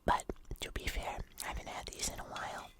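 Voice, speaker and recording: Speaking only in a soft, unvoiced whisper at close range to the mic, this ASMR eating-video host chats with viewers at a slow, easy, casual pace.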